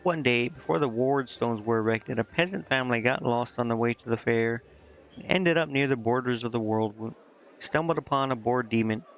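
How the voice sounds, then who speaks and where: A man with a mid-range, fairly bright voice talks at a moderate pace, casually commentating on a game live, thinking out loud and reading dialogue as he plays. The recording sounds dull and band-limited, with game music playing behind him.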